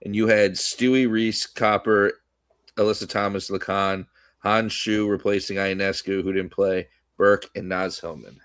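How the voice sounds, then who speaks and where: A man co-hosting a sports podcast, rambling in casual chat with lots of restarts and fillers, slightly hoarse from coughing. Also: lowish voice, level tone, measured pace, fairly bright tone, dry recording, studio quality. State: coughing today. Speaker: podcast co-host.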